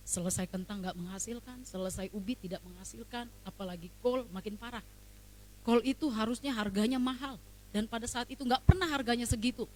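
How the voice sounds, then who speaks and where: A woman's voice: mid-range voice, darkish tone, rough recording. A middle-aged woman preaching a testimony in a conversational, emphatic way, often repeating little tag phrases. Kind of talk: sermon testimony.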